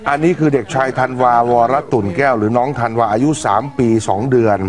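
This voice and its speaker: A man presenting morning news, retelling a story in a chatty, animated way. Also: mid-range voice, fast talker.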